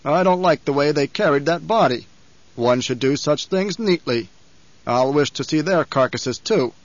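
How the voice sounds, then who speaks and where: A coldly menacing older baron acted out by a male audiobook reader. He is scheming and imperious, weighing words with mocking care. The voice sits fairly high for a man, in a very dry space. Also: moderate pace, no room sound, lightly acted. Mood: menacing calm. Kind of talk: audiobook character voice. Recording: slightly dull, lo-fi audio.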